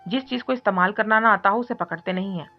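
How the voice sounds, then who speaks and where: A woman voicing a confident, powerful young man who gives orders and teases calmly. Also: medium pitch, fast, close to an everyday voice. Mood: commanding. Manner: calm, teasing, issuing orders. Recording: muffled recording with soft music.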